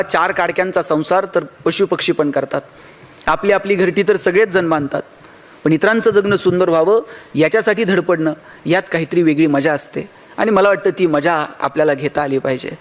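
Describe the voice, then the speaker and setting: A man's voice: high voice, a bit bright. A man giving a motivational speech in a Marathi accent, telling humorous stories and acting out the dialogue. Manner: storytelling with acted dialogue and humor. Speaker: motivational speaker.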